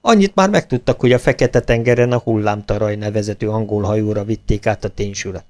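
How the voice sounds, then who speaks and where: A man reading a children's storybook aloud, expressive and animated. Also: lowish voice. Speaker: audiobook reader. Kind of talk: storybook narration.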